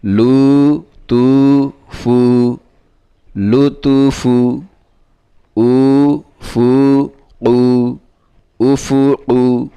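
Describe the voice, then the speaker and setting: A male Quran reading teacher with a mellow, smooth, very clear voice. He drills syllables one at a time and at a very slow pace, then repeats each word over and over. Between drills he gives quick spoken instructions. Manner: brisk, lower-voiced asides explaining between drills. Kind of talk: slow syllable-by-syllable recitation lesson.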